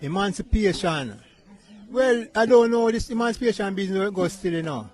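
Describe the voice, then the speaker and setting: A man's voice: high voice, animated, fairly quick, a little mellow. A Jamaican man talking in Rasta speech with Patois-inflected English, reflecting philosophically in a casual interview. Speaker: interviewee, musician.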